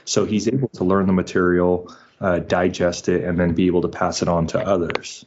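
A man in his forties, a homeschooling father, explaining methodically in an interview, checking in with "right?" and filling pauses with "uh". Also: sits low, level tone, a little mellow, a little hiss or hum. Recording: muffled lo-fi audio.

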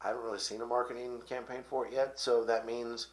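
A man's voice: medium pitch, flat delivery, fast talker, echoey room. A man hosting a casual talk show, explaining crypto tokens in a rambling way with lots of fillers and restarts. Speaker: podcast host.

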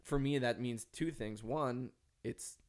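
Earnest minnesota-accented guy talking philosophy on a podcast, emphatic, mid-pitched voice. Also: takes it slowly. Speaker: author guest. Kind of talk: reflective podcast conversation.

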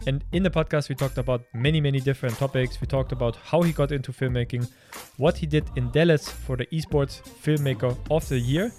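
A man's voice: mid-range voice, fairly quick, darkish tone, faint music behind. A man hosting a podcast, chatty and stumbling over his words as he asks questions. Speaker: podcast host. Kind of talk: casual interview chat.

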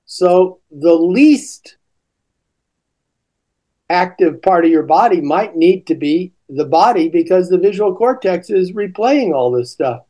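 In a laid-back podcast chat, an older teaching coach whose voice sits high takes his time explaining ideas for the classroom.

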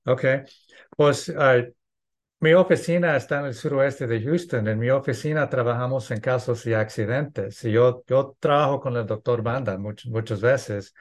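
A man's voice: mid-range voice, a little slow. A man, a lawyer, hosting a radio talk show and speaking plainly with some hesitant restarts.

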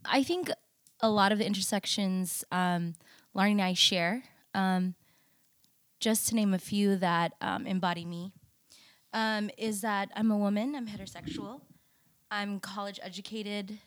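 A woman's voice: medium pitch, fairly even intonation, no room sound. Reflective woman, dry close sound. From United States. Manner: reflective, many pauses and ums. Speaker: podcast guest, photographer and nurse. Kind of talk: casual interview conversation.

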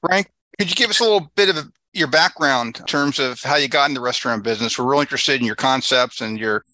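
A man's voice: mid-range voice, quick pace, noisy background. A man co-hosting a podcast as a magazine editor, asking rambling questions with repeated words.

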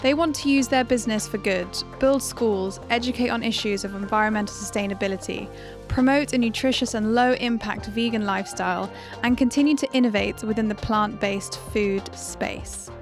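A woman's voice: fairly high pitch, normal speed, over music. A woman podcast host reading a scripted introduction.

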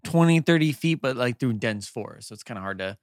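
A man narrating as game master in a tabletop role-play game, unhurried and descriptive, with many fillers. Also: medium pitch, lively intonation, no room sound, clean studio sound.

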